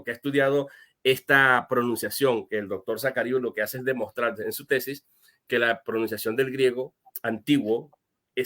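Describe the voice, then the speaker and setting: Pastor guy walking through scripture, lots of "eh" and restarts, mid-pitched voice. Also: a bit bright. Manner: earnest, explaining step by step with frequent fillers and restarts. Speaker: guest answering viewer questions. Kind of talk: explanatory Bible teaching.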